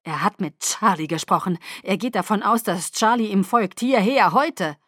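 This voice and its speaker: A woman's voice: medium pitch, normal speed, a bit bright, no echo, clean studio sound, natural voice. A woman voicing a tense, tightly controlled male vampire, speaking in clipped, grim lines.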